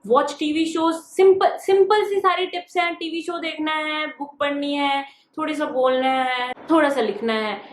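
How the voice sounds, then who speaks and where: High-voiced young woman vlogging. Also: fairly even intonation, normal speed, few pauses, a little hiss or hum. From Punjab, India. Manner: encouraging, switches freely between Hindi and English. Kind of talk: casual advice vlog. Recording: echoey room.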